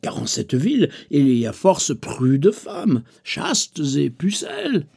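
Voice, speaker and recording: A man voicing a skeptical noble prince asking a pointed question in a measured way. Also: fairly high pitch, huge pitch swings, gravelly, a little mellow, breathy edge, voice pushed down, heavily acted.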